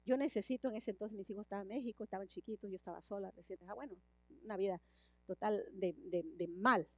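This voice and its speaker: A woman's voice: medium pitch, fast talker, a bit bright, dry recording. A middle-aged woman preaching a sermon and telling a personal testimony, emphatic, repeating words and restarting her phrases.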